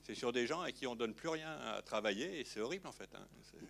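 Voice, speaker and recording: A man's voice: medium pitch, lively intonation, quick pace, creaky, a bit bright, a little hiss or hum. A film director talking in an interview, rambling and peppering his sentences with little fillers. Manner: rambling, filler-heavy, frequent "hein". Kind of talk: interview conversation.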